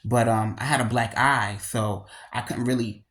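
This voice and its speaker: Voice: mid-range voice, fairly even intonation, normal speed, a bit bright. A speaker in their thirties with a slight lisp from missing front teeth, talking candidly and emphatically in slangy, casual vlog style, repeating words for emphasis. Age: 30s. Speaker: video creator.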